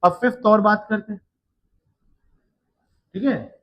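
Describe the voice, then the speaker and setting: A man teaching a physics lecture, working slowly through the steps and often checking that his students follow. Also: high voice, lo-fi sound. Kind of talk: classroom lecture.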